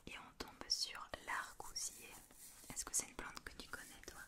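A young woman whispering in a breathy, reassuring ASMR style, close to the microphone in a small room. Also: normal speed. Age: young adult. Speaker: ASMR host. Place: small decorated indoor room.

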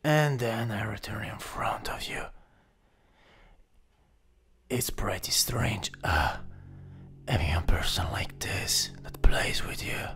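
Man playing a slow whispering incubus demon, whispered role-play. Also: lowish voice, lively intonation, fairly bright tone, full character voice. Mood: playful, sinister. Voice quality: breathy whisper with gravelly creak. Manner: slow, menacing, mocking incubus teasing. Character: sadistic male incubus demon, possessive, taunting captor.

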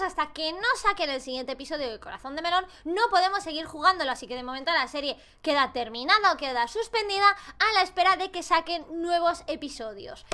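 A young woman with a Spain Spanish accent gives a let's play commentary on a romance game. Her voice is very high and bright, and she swears playfully and jokes as she goes. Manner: animated and jokey, swears playfully, laughs often. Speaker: gaming YouTuber.

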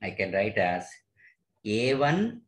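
In an online physics lesson, a man with an Indian accent works through a derivation step by step, checking with short questions that listeners are following. His voice is fairly low and very animated, and he takes his time. The sound is roomy and echoey.

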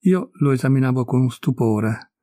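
A man reading a short story aloud in a measured storytelling cadence. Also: medium pitch, lively intonation, mellow, no echo, clean studio sound. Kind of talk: audiobook reading.

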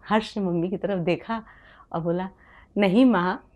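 A woman storyteller narrating a tale for children in an expressive, animated way. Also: on the low side, moderate pace.

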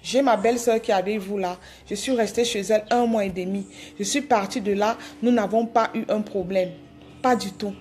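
There's slight background noise as a woman apologizes on a phone live stream, speaking at normal speed in a medium-pitched, darkish voice with fairly even intonation. She pleads with her followers, repeats herself and restarts hesitantly.

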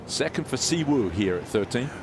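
A man's voice: medium pitch, expressive, moderate pace. A man giving live golf commentary on shots and scores. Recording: very noisy outdoor broadcast.

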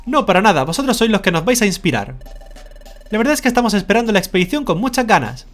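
A streamer from Spain voicing a scheming male skunk boss in a video game, smooth-talking and falsely polite. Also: mid-range voice, very animated, fast, faint music behind, voice pushed up, lightly acted. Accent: Spain Spanish.

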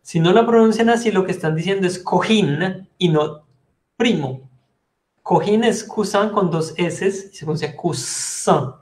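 High-voiced man teaching French patiently. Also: unhurried, reverberant. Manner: explains patiently, repeats and spells words. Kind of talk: online language class.

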